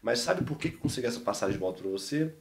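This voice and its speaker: A man with a Mineiro accent quoting God as a calm, fatherly voice that speaks softly and patiently. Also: mid-range voice, very fast, gravelly. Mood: gently reproving. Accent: Mineiro Brazilian Portuguese.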